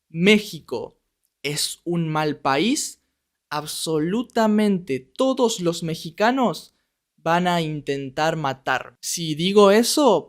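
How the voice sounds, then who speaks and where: A man's voice: fairly high pitch, fairly bright tone. A young man from Argentina teaching Spanish in a podcast, speaking in a neutral accent and checking in with listeners as he goes. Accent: neutral Latin American Spanish. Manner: speaks slowly and deliberately, checks in with "¿ok?". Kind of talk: podcast lesson, slow clear speech for learners.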